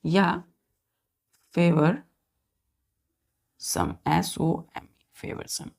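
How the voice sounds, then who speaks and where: A woman's voice: fairly low pitch, sing-song, a little slow, creaky, darkish tone. A woman teacher giving a vocabulary lesson, spelling words out letter by letter and asking questions of her students.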